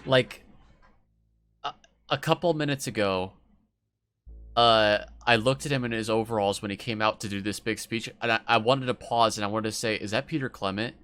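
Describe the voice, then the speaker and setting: A man giving casual, rambling gameplay commentary, excitable and swearing freely. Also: on the low side, moderate pace, pauses often, clean tone. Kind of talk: casual let's-play commentary.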